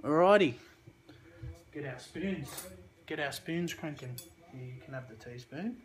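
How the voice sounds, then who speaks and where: A man's voice: a little high, lively intonation, unhurried, background noise. A man in his twenties hosting a casual hot sauce review vlog, chatty, upbeat and unscripted. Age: 20s.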